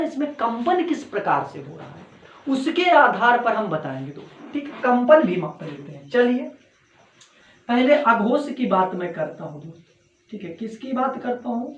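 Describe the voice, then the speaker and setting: A man's voice: very high voice, sing-song, normal speed. A male Hindi teacher giving an online class lecture, drilling students with repeated questions and answers. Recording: echoey, dull lo-fi room sound.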